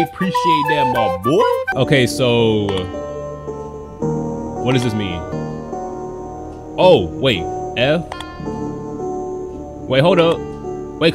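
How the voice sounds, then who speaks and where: A young American man giving casual, slangy gameplay commentary as a streamer, reacting aloud into a close microphone. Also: on the high side. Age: young adult. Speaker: gaming streamer. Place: small indoor bedroom setup.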